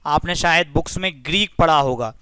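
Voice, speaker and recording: A man's voice: fairly high pitch, a little fast, bright, forceful tone, clear, resonant tone. A young man teaching a physics lesson through a story, friendly and explanatory, often addressing the listeners as friends.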